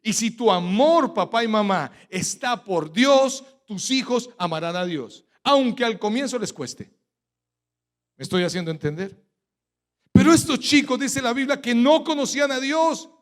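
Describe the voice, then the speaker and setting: A man's voice: very high-pitched, expressive, a little slow. A man with a Colombian accent preaching a sermon as pastor, firing rhetorical questions and letting the congregation finish his sentences. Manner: emphatic preaching cadence with sudden loud stresses. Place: church.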